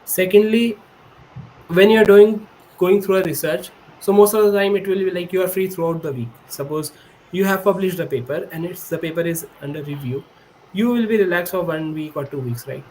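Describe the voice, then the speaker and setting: Over a rough recording, a high-pitched, brisk voice with a darkish tone belongs to a Hindi-speaking PhD student from India in his twenties. Guesting on a podcast via video call from an indoor room with a high-backed chair, he explains things earnestly and frequently corrects himself mid-sentence.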